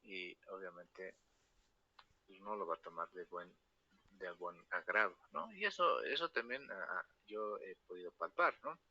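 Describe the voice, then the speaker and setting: A man's voice: deep voice, expressive, unhurried, sharp tone, highs cut off. A man with a La Paz Bolivian accent giving a spoken university lecture, tagging nearly every phrase with a question to his students. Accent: Bolivian Spanish, La Paz. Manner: tag questions after nearly every phrase, storytelling asides.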